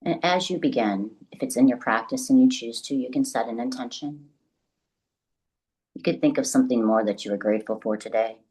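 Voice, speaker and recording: A woman with a strikingly deep, low voice leads a meditation, speaking gently and deliberately with long pauses between phrases. Her instructions come across as soothing and calm. The voice is husky, and the recording quality is low.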